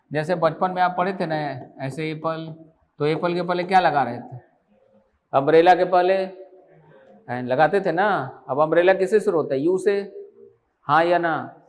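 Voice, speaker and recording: A man teaches an online exam-prep grammar class in a high-pitched voice. He keeps firing questions at his students and answers most of them himself. He runs the lesson as a steady back-and-forth drill.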